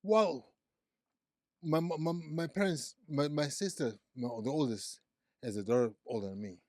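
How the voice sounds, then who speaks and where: A Zimbabwean man in his forties, a psychiatric nurse practitioner, tells his life story as a guest in a casual interview, often repeating words and starting over. His voice is fairly high with a darkish tone at normal speed, recorded studio-quality with no echo.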